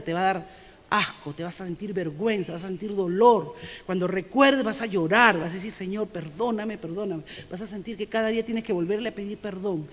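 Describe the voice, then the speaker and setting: A middle-aged woman preacher with a Peruvian Spanish accent delivers a sermon in a church sanctuary. She is emphatic, pressing points loudly and then dropping to soft, confessional asides. Her voice carries a long church reverb. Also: mid-range voice, a little hiss or hum. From Peru.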